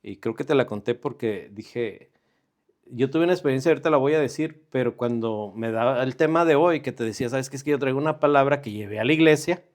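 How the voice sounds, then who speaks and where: Man, mid-pitch, earnest and unhurried, tells his story with pauses, guest on a faith chat. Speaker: guest sharing a personal testimony. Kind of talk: conversational storytelling.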